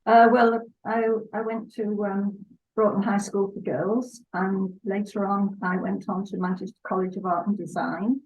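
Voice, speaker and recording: An older woman from England speaks as a guest on a video call interview. Her voice sits at a middle pitch, and she reminisces gently with small pauses and restarts. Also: little pitch movement, lo-fi sound. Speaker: guest, artist. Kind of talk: interview chat.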